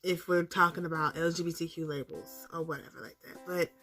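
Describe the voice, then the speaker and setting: A woman's voice: lowish voice, steady tone, fairly quick, pushed and bright, soft background music. A woman casually telling a story about a dream, hazy and puzzled, circling back as she guesses at details and acting out her own reactions. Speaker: storytelling vlogger.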